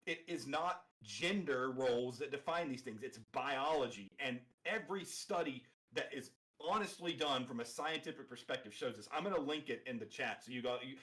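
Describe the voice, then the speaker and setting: A man's voice: medium pitch, normal speed, hardly any pauses, sharp tone, rough recording. Insistent man in casual reaction commentary. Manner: emphatic, insistent, repeats himself. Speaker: co-host reacting to a panel video.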